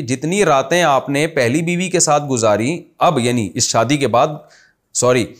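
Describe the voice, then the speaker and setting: Pakistani-accented male scholar, mid-pitched, chatty and explanatory in a Q&A talk. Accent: Pakistani Urdu. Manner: conversational, explains with examples. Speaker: Islamic scholar answering questions. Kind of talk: question-and-answer religious talk.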